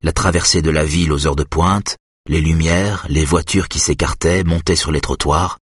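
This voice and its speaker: Deep, husky male narrator. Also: fairly even intonation, moderate pace, no echo, clean studio sound. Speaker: audiobook narrator. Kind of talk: scripted narration.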